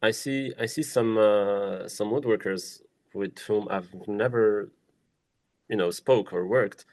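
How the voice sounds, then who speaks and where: A young man from Morocco, a woodworker, speaking thoughtfully in a documentary interview, with many pauses, fillers and restarts. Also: on the low side, darkish tone, dry recording. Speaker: woodworker and small business founder.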